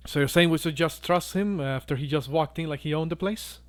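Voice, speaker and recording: A man's voice: on the high side, brisk, dry recording, voice pushed up, natural voice. A man voicing a distrustful, grumbling ship's sailor in a tabletop game, indignant and grudging.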